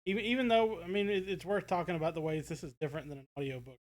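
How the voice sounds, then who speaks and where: Rapid-fire and steady in tone, this man's voice is on the high side. He's an American podcast co-host in a casual conversation, working out his ideas in hesitant, roundabout phrasing.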